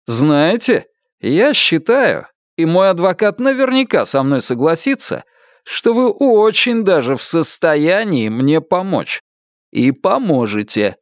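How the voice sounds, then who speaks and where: A man voicing a firm young man who speaks calmly, coldly and insistently. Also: a little high, moderate pace, no echo, clean studio sound, pitched above the performer's own voice. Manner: calm, cold and insistent.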